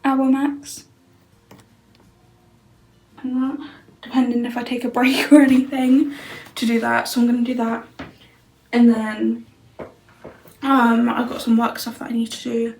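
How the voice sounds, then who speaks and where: A woman's voice: a little high, flat delivery, a little slow, vocal fry, pauses often, darkish tone, roomy sound, slight background noise, rough recording. A young woman vlogging casually from a bedroom, rambling through her plans with lots of fillers. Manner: rambling, filler-heavy, thinking aloud. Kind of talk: casual vlog chat. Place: bedroom indoors.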